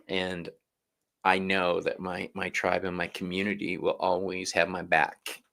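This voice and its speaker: A man's voice: low voice, completely flat delivery, measured pace, creaky, a bit bright. A man co-hosting a live-stream tarot reading in a casual, chatty way, swearing freely. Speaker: tarot reader, stream co-host.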